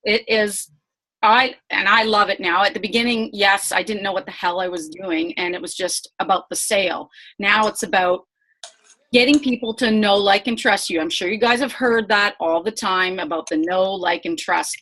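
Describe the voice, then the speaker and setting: A woman's voice: mid-range voice, fairly even intonation, normal speed, sharp tone. Flustered, chatty woman presenting online. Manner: flustered, apologetic, swears under her breath; chatty, encouraging, informal. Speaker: team leader presenting a sales training. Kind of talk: casual live online presentation.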